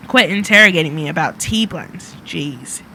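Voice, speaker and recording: A woman voicing a grumpy, guarded young woman in a narrative game, talking curtly and dismissively in a lowered voice. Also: moderate pace, noisy background, natural voice. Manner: curt, dismissive, defensive.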